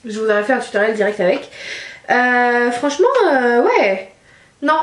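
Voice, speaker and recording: A woman's voice: on the high side, moderate pace, reverberant. A woman casually reviewing a makeup palette, chatty and hesitant with frequent fillers. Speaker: beauty vlogger.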